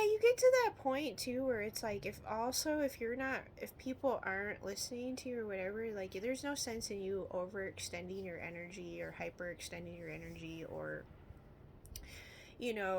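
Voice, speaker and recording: A woman from Illinois with a Midwestern American accent rambles casually in vlog style, often drifting into trailing asides. Her voice is medium in pitch and a little mellow, and the recording carries some noise.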